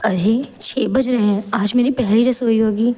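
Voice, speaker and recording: A woman voicing a meek, hardworking young bride in an animated story, who speaks gently and politely. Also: a little high, a little slow, slightly rough.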